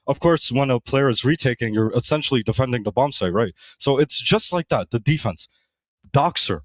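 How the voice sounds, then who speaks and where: A man breaks down a tactical shooter match as a color commentator. His mid-pitched voice comes through dry and close on a headset mic. He talks fluently, piling on enthusiastic praise. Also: no room sound. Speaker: esports caster.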